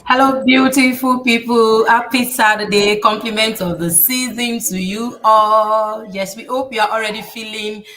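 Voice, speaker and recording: A woman from Nigeria, a panelist in a live-stream talk, speaking with an enthusiastic, preachy pitch. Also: fairly even intonation, moderate pace, few pauses, a bit bright, poor audio. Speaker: panelist, educator.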